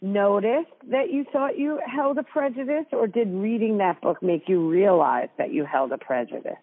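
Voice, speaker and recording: A woman interviews a guest with a lively, curious manner, her pitch rising and falling freely. Her voice has a husky edge. It comes through thin and tinny, like a phone line. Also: normal speed. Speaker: radio host. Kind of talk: casual interview.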